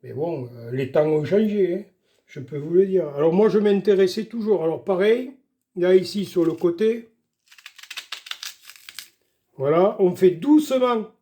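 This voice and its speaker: Older male home cook, folksy and chatty, high pitch, warm dark tone. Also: moderate pace, slight background noise. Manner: chatty, folksy, keeps saying "voilà" and "doucement". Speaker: home cook showing a recipe. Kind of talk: casual cooking demonstration.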